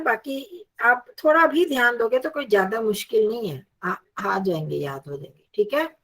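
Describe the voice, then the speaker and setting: A woman teaching a Sanskrit lesson, patiently reciting and drilling word forms aloud. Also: fairly high pitch.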